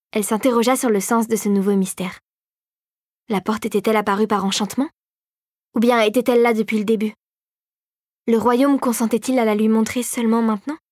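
Woman reading a storybook aloud, slightly high voice, dead dry close sound. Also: no echo. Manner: measured, even storytelling. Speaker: audiobook narrator. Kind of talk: scripted storybook narration.

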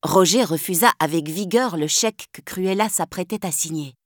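A woman narrating a children's storybook in a clear, gently expressive reading. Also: fairly low pitch, normal speed, dry recording, studio quality.

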